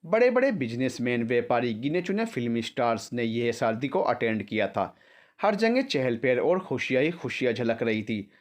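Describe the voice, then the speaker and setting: A man's voice: medium pitch, very animated, moderate pace. Man narrating a dramatic story.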